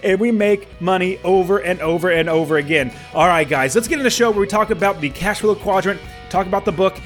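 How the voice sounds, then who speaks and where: A forty-year-old man hosts his podcast in an upbeat, encouraging monologue. His voice sits a little high, and he keeps it loose with fillers and restarts. Faint music plays beneath him. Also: a little fast. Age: 40s. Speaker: podcast host.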